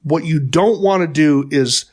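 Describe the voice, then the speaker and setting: A man's voice: fairly high pitch, measured pace, darkish tone. A middle-aged man giving a pest control training talk in a conversational way, with wry asides and frequent fillers and restarts. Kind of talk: instructional podcast talk.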